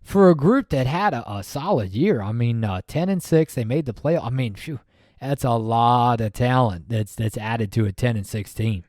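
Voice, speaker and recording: A man co-hosting a podcast in casual sports chat, talking in an animated, rambling way with many fillers and restarts. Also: medium pitch, normal speed, no room sound, studio quality. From Maryland, USA. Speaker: podcast co-host.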